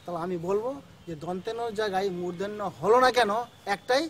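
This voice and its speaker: A man's voice: high-pitched, fast, a little hiss or hum. A male school teacher, teaching a grammar lesson step by step and often checking in with his students. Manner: explains step by step, checks in with "ঠিক আছে?".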